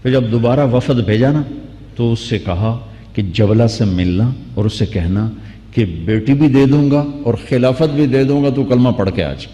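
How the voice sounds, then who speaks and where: A man preaching a sermon, telling a story with acted dialogue that rises into animated outbursts. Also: medium pitch, long reverb tail. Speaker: Islamic preacher.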